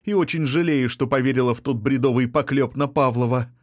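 A man's voice: medium pitch, a little fast, no room sound, clean studio sound, close to an everyday voice. A man voicing a young woman who is cold, curt and sharply dismissive in an audiobook. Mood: angry. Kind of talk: audiobook character reading.

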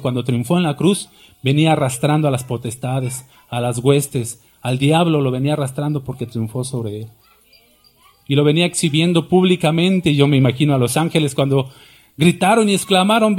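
A man's voice: a little high, darkish tone, slightly rough. A male pastor preaching an impassioned, dramatic sermon full of rhetorical questions.

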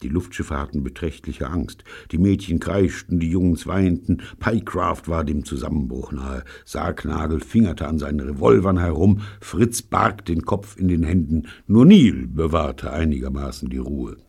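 A man reading a children's novel aloud as narrator, in an expressive, characterful way. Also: extremely low pitch, normal speed, gravelly, few pauses, husky. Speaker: audiobook narrator. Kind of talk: storybook reading.

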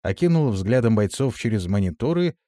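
A man narrating a fantasy audiobook in an expressive, varied delivery. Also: on the low side, fairly quick, no room sound, clean studio sound.

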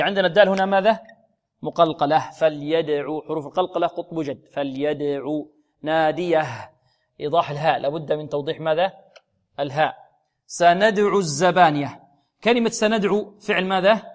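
Male tajweed teacher, slightly high voice. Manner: asks the class questions and answers them himself; slows down to recite and repeat words. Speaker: Quran recitation teacher. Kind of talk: tajweed lesson with recited examples.

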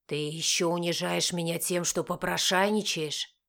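A woman's voice: fairly low pitch, steady tone, normal speed, gravelly, fairly bright tone. A woman voicing a stern, bitter middle-aged father in an audiobook, speaking in curt, accusing bursts. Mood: contemptuous. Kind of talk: audiobook character voice.

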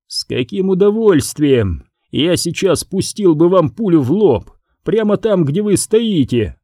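A man's voice: high voice, sing-song, measured pace, warm tone, dry recording, clean studio sound, pitched above the performer's own voice, full character voice. A man reading an audiobook, voicing a grumbling, menacing sheriff in his fifties. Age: 50s. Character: gruff middle-aged male sheriff, furious.

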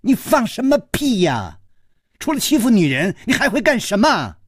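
A man's voice: sits high, big pitch swings, fairly quick, dark tone, slightly rough, dry recording, clean studio sound, pitched above the performer's own voice, full character voice. A man voicing a quarrelsome young married woman who shrieks and scolds in a wailing voice. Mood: furious.

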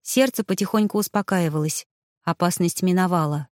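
A woman reading a first-person story aloud in a steady storytelling voice. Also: on the low side, moderate pace, dry recording, clean studio sound. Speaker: narrator. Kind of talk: audiobook narration.

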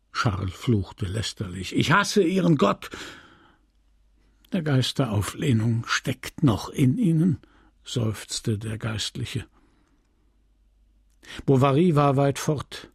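A man reading a novel aloud as an audiobook narrator in a deliberate, measured way. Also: medium pitch, warm tone, no room sound, clean studio sound. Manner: slow, deliberate, gravelly reading.

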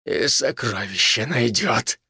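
A man voicing a crazed, cackling old village criminal with a shrill, gleeful, menacing way of talking. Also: expressive, slow, creaky, sharp tone, husky, dry recording, studio quality, heavily acted. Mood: gloating. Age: older.

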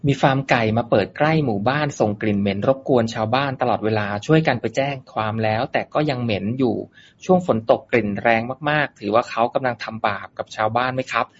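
A man's voice: medium pitch, quick pace. Man, moderator, polite question reader, muffled recording, faint background hiss. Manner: polite, reads questions aloud. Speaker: moderator reading listener questions. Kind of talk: reading out questions. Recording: dull lo-fi sound with faint noise.

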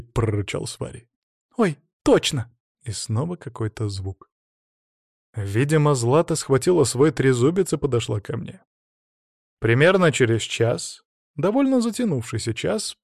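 Male narrator, gravelly voice, mid pitch, dry close mic, expressive first-person fantasy audiobook reading. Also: dry recording.

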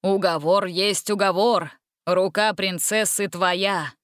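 A woman's voice: medium pitch, fairly even intonation, slow pace, no room sound, studio quality, close to an everyday voice. A woman voicing a bluff, blustering old king in an audiobook fairy tale. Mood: gracious. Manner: bluff, startled.

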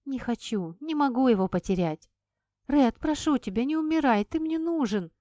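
A woman reading an audiobook and voicing an impulsive, sharp-tongued young heroine in a raised, emphatic voice. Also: lively intonation, normal speed, dry recording, studio quality, natural voice. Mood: emphatic, stubborn. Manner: emphatic, higher and livelier than the narration.

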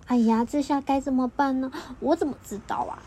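A woman voicing a crowd of excitable little crayons in a storybook, clamoring and pleading together. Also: high voice, brisk, a little hiss or hum, close to an everyday voice.

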